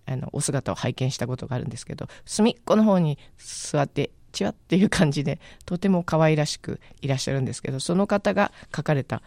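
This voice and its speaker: A woman's voice: sits low, dark tone, dry recording. Chatty woman radio host, dry studio. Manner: chatty, musing, searches for words aloud. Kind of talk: casual on-air book recommendation.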